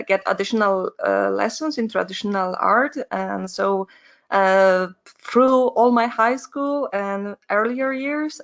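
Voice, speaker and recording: A woman walks listeners through her painting process in a webinar, speaking at a middle pitch. She explains things slowly and carefully, pausing to find her words. The sound is dull and lo-fi, like online meeting audio. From Poland. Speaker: concept artist giving a webinar. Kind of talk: webinar presentation.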